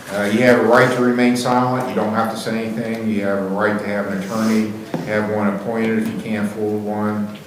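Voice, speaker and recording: A man's voice: on the low side, flat delivery, fairly quick. A man speaking as a judge, questioning a defendant in a formal, matter-of-fact, procedural way in a courtroom. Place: echoey courtroom. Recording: very echoey room, faint noise.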